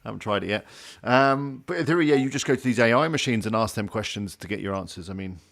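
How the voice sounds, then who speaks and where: A man's voice: fairly low pitch, quick pace, vocal fry, a bit bright. A man hosting a casual livestream group call in an easygoing, conversational way. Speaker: livestream host.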